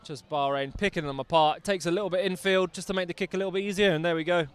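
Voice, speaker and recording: A man's voice: sits high, fairly even intonation, quick pace, clean tone. A man doing live rugby commentary outdoors, chatty and enthusiastic with jokey asides.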